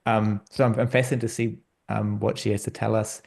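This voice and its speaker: Man, host, low voice, gravelly, relaxed friendly chat, video call. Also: brisk. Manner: relaxed and friendly, with frequent fillers. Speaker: workshop host. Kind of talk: hosting an online research talk.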